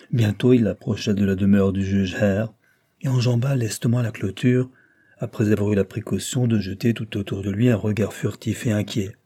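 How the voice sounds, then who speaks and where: Soft-toned man reading a novel aloud. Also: fairly low pitch, slightly rough. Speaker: audiobook narrator. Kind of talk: scripted narration.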